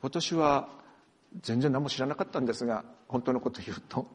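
Male pastor, sermon, husky voice, lively pitch swings, long church reverb. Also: a little fast. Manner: animated, swings from soft to emphatic.

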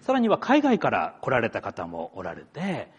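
A man's voice: medium pitch, huge pitch swings, moderate pace, breathy edge, long reverb tail. A middle-aged man from Akita, a pastor giving a chatty sermon, talking straight to the congregation. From Akita, Japan. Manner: chatty, story-telling asides that address the congregation. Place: church sanctuary.

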